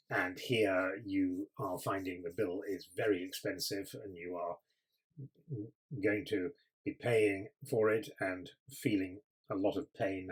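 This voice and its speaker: Male teacher, slightly low and breathy, patient step-by-step explainer. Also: poor audio. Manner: clear, patient explanations with frequent ums. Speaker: English teacher. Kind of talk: explaining vocabulary lesson.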